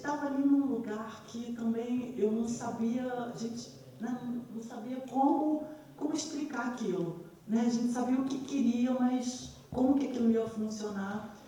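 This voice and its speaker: A woman's voice: fairly high pitch, normal speed, warm tone. A woman film director talking hesitantly at a panel after a screening, often restarting her sentences. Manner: hesitant, self-deprecating, many restarts. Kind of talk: post-screening panel talk. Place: screening hall. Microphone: distant hall microphone. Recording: echoey hall from far off, faint noise.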